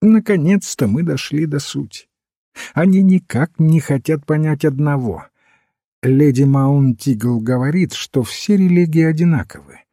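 A man voicing a mild, thoughtful old priest-detective who calmly reasons a case through, in a storybook reading. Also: fairly high pitch, no echo, studio quality. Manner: calm, reasoning, gently explaining. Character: mild, thoughtful elderly male priest-sleuth.

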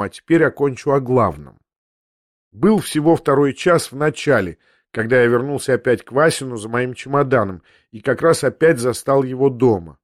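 A man narrating a novel in first person with a measured, reflective reading. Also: mid-range voice, no echo, studio quality. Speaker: audiobook narrator.

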